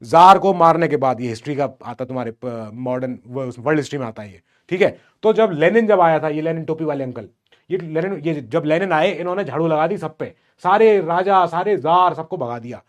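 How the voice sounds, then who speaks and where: A man with an Indian accent teaching an online class, conversational and teasing, mixing Hindi and English and slowing to dictate English word by word. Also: fairly high pitch, animated.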